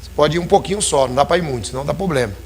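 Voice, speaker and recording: A man's voice: on the high side, rapid-fire. A man preaching a sermon in a church, talking conversationally and calling his listeners brothers.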